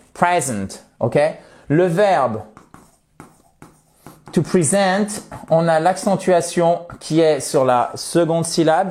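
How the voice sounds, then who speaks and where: A man whose first language is French teaching English expressions, friendly and explanatory, slowing down to model English pronunciation. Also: a little high, warm tone.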